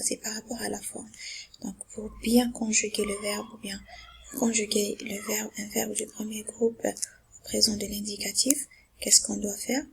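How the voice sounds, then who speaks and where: A woman teaching a grammar lesson, explaining patiently, repeating herself and checking that her students understand, in a breathy, half-whispered voice. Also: mid-range voice. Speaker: French teacher.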